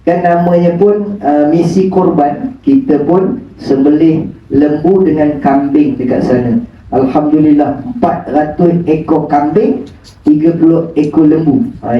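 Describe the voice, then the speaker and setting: A man's voice: on the high side, unhurried. Male preacher in an echoey hall. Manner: joking, teasing, rhetorical questions. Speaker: religious preacher. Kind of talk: humorous religious lecture. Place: prayer hall of a surau. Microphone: phone camera at a distance. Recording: echoey hall from far off, dull phone audio.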